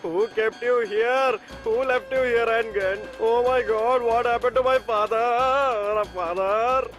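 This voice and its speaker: A male voice actor plays a hot-headed young boss in a dubbed film. His voice sits very high, and he goes off in dramatic, repeated rants over faint background music. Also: steady tone, slow pace, fairly bright tone, full character voice. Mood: wailing. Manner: dramatic, repetitive outbursts. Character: bossy excitable young man fussing over his money. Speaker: hotel owner boss. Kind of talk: English movie dub.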